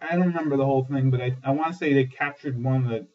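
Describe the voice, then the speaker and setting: A man hosting a casual TV episode review, excitable and swearing often, with lots of fillers. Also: mid-range voice, rapid-fire. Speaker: host. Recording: dull lo-fi sound, distant mic.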